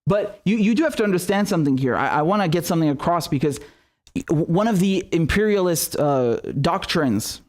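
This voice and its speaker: This is a young man from Syria who hosts a live stream of political commentary. He rants passionately, cursing between rapid asides, in a fairly high-pitched and expressive voice.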